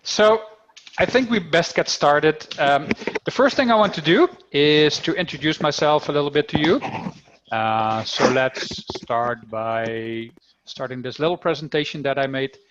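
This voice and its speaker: A Dutch man from the Netherlands, his voice fairly high and unhurried, teaches an online coding class for kids over a video call, speaking to them directly in a chatty, upbeat manner. The recording has its highs cut off and a noisy background.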